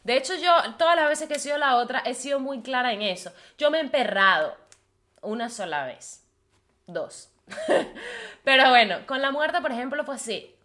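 A woman's voice: high voice, expressive, a little fast, bright, forceful tone. A young woman with a Venezuelan Spanish accent, hosting a podcast in a blunt, profane, casual confessional monologue full of fillers. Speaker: podcast host.

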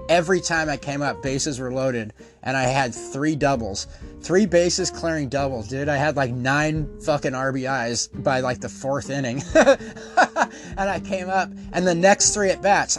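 A middle-aged man hosting a podcast, telling profane, animated stories and laughing often. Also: medium pitch. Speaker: podcast host. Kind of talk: casual storytelling.

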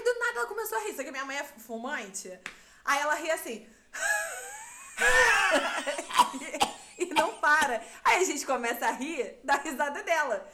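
A woman co-hosting a podcast, telling a funny story in casual chat and mimicking voices as she goes. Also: sits high. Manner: animated, mimics voices in quotes, laughs often. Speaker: podcast co-host.

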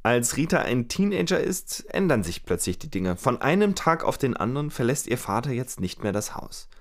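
A man narrating a true crime tale in easy conversation, mid-pitched and steady. He speaks to a listener beside him and lifts his voice for the quoted lines. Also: moderate pace. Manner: lively retelling with acted quotes. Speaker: podcast storyteller.

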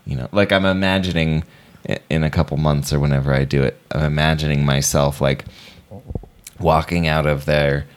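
A man's voice: a bass voice, steady tone, normal speed, clear, resonant tone. A man co-hosting a casual chat podcast, rambling with many fillers and restarts. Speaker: podcast co-host.

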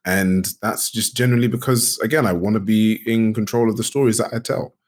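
A man with a low, husky voice talks loosely in a casual interview. His delivery rambles, leaning on filler phrases and restarts. He sounds unhurried and easygoing as he answers. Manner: relaxed, rambling, full of "you know" and restarts. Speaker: guest, actor and game studio founder.

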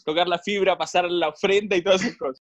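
A man's voice: high voice, fairly even intonation, quick pace, dull audio, very noisy. Joking young man on a video call. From Ecuador. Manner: jokey, laughs often, self-deprecating. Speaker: guest, youth pastor. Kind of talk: casual joking testimony.

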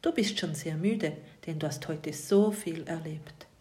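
A woman narrating a bedtime story softly, often in a whisper, and addressing the listener directly. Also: sits low, a little slow.

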